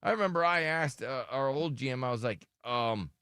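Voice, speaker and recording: Brisk, bright, and forceful, this man's mid-range voice is clear and resonant as he hosts casual morning radio, poking fun at himself. He's in a radio studio on a studio radio mic that sounds thin and tinny, but the audio is studio quality with no echo.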